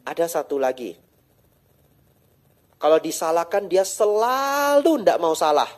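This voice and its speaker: A man, a Buddhist monk, giving a lively, teasing sermon with rhetorical questions and English phrases mixed in. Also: on the high side, a little slow. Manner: drops English phrases into his talk. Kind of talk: sermon to a live audience.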